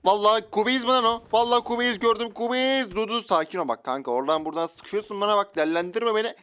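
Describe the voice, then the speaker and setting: A young man giving loud, joking commentary while playing a shooter game, often shouting out at sudden moments. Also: high voice, fast talker, clear, resonant tone. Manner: loud outbursts, joking, slangy. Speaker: gaming YouTuber. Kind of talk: excited gameplay commentary. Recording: faint game sounds and gunfire.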